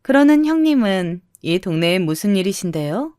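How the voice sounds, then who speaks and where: A woman voicing a snobbish sister-in-law near forty who talks down to others in a slow, mocking drawl. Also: mid-range voice, lively intonation, darkish tone, dry recording, clean studio sound, lightly acted. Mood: sneering. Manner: mocking, condescending, drawn-out.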